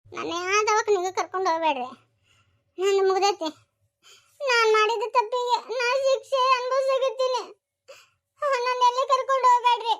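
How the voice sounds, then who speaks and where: A despairing young village woman from a cartoon, voiced by a woman, speaking with a North Karnataka Kannada accent. Her voice is very high and thin. She weakly refuses any help. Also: normal speed, pauses often, pushed and bright.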